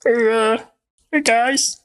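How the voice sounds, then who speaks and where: A chipper cartoon frog puppet, as put on by a man, pitched very high. The delivery is halting and folksy, in a close, dry recording. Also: fairly even intonation, a bit bright, dry recording, exaggerated voice.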